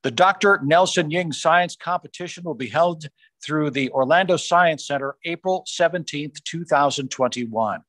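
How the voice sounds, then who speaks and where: A man formally reading out science fair award winners on a video call, rising in pitch on each school name. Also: a bit bright, no echo. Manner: measured, formal announcing, rising on school names. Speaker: awards announcer. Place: small room on a video call. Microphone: video call microphone.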